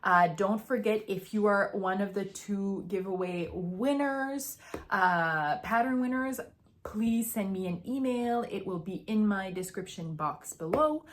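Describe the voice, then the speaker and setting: Tired, chatty young woman podcaster, unhurried. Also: medium pitch. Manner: chatty and gushing, with fillers and restarts. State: tired after a morning run. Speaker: podcast host. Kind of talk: casual knitting podcast chat.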